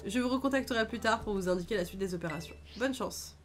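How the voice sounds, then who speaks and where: A woman voicing a guarded, mysterious female ally in a game, reading her orders in a calm, measured way. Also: medium pitch, soft background music, close to an everyday voice.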